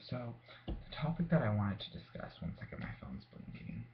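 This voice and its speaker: A man's voice: medium pitch, sing-song, fairly quick. A young man in a casual, rambling rant, sounding tipsy and drawing out his words, recorded indoors at home. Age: young adult. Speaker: vlogger. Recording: muffled lo-fi home recording, clear background noise.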